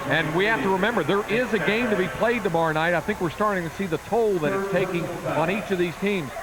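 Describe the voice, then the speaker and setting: A man's voice: high-pitched, very noisy. A man giving a live sideline report from the field of a sports arena.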